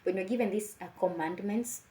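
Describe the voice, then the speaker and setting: A woman's voice: medium pitch, a little fast, warm tone, a little hiss or hum. A woman speaks in a casual monologue, emphatically posing rhetorical questions and repeating her phrases. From Africa. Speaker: vlogger giving personal opinions. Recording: echoey room.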